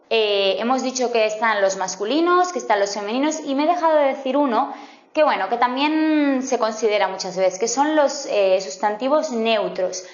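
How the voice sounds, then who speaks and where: A woman teaching a grammar lesson, patiently spelling out example words slowly. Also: on the high side. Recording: roomy, slightly dull sound.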